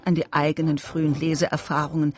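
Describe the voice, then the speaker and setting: A narrator reading a scripted radio feature in a measured, even way. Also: medium pitch.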